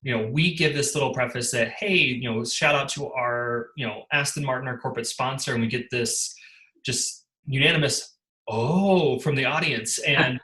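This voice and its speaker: A man interviews a guest for his theater in a halting, filler-heavy way. His tone is bright and forceful, and the room rings with echo. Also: mid-range voice. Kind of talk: casual interview.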